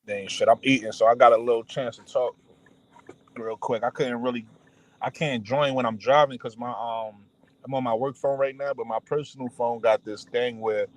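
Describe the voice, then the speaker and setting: Relaxed male caller, mid pitch. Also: moderate pace, low-quality recording. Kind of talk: casual call-in chat.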